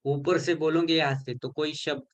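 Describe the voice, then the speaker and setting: A man giving a recorded lesson for a healing course, explaining slowly and repeating syllables to show how they are spoken. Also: on the high side, fairly even intonation. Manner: mixes English terms into his explanations.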